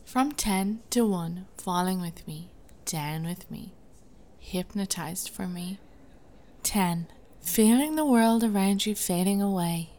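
A woman playing an imperious, seductive princess hypnotist in a soft ASMR role-play, speaking slowly and closely, right in the listener's ear. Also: mid-range voice, animated, close to an everyday voice. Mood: soothing, hypnotic.

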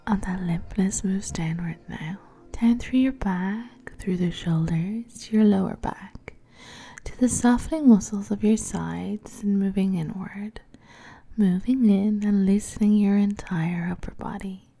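A woman speaking softly and slowly, often in a whisper, guiding a massage and hypnosis roleplay in the second person. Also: medium pitch, breathy edge. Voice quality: soft, slow, soothing, often whispered. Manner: second-person guided imagery. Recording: soft music behind the voice. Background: faint music.

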